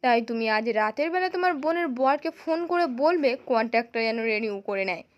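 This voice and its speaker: A woman's voice: fairly high pitch, lively intonation, fairly quick, dull audio, natural voice. A woman voicing a young husband who schemes and mocks his new wife with taunting, sneering talk.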